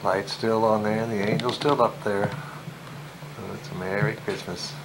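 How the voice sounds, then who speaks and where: A man narrating a family home video from behind the camcorder, chatty and relaxed, recorded on an old VHS tape. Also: lowish voice, measured pace, noisy background. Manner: relaxed, chatty, mumbling asides. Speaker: home video camera operator. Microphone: camcorder built-in mic.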